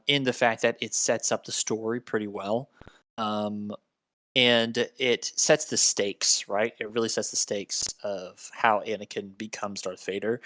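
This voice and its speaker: A man's voice: fairly low pitch, fairly bright tone, no echo. A young man co-hosting a casual podcast chat, rambling with lots of fillers and restarts. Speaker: podcast co-host.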